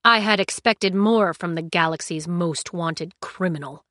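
A woman's voice: fairly low pitch, unhurried, a bit bright, dry recording, clean studio sound. Woman doing a cold, taunting sorceress. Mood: mocking. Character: cruel, mocking adult woman sorceress, cold and menacing.

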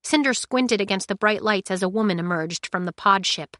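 A woman narrating an audiobook in a measured, steady storytelling manner, recorded close to a studio mic. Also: medium pitch, dry recording.

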